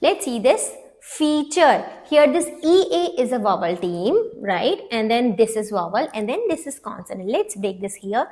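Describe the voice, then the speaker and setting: A woman's voice: fairly high pitch, very animated, drawn-out words, hardly any pauses, darkish tone. A woman with an Indian accent teaching phonics, mixing Hindi and English and often checking in with "right?". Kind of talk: online phonics lesson.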